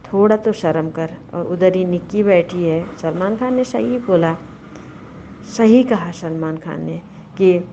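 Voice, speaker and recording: Slow, blunt woman ranting in dull audio. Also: mid-range voice, warm tone. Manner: blunt, scolding, rambling with many restarts. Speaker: show reviewer. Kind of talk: casual opinion chat.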